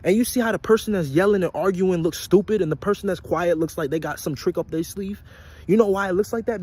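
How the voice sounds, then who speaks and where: A man's voice: high-pitched, a little mellow, slightly rough. A young man giving a blunt, profane motivational rant to his viewers, repeating his points and preaching about intelligence and life lessons. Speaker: vlogger.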